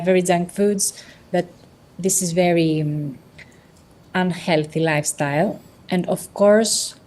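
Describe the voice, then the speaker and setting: Woman from Greece, panelist, earnest and plain-spoken, lowish mellow voice. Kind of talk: panel discussion.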